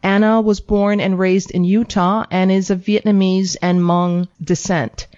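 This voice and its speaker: A woman's voice: mid-range voice, little pitch movement, a little mellow. Radio co-host woman, muffled sound. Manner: brisk, friendly questioning. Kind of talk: radio interview.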